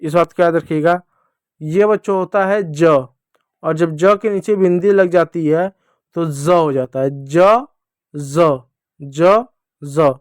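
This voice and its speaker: Slow, patient man teaching children letters. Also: fairly high pitch, a little mellow, clean tone, no echo, studio quality. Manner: slow, patient, repeats sounds for young pupils. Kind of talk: children's Hindi alphabet lesson.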